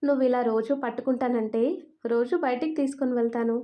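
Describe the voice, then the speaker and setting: A young husband grumbling in jest about shopping, as a woman reads him. The voice drops a little lower and softer, in an audio storybook. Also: steady tone, a little fast, lo-fi sound, lightly acted. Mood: joking. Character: joking young husband, mock-complaining.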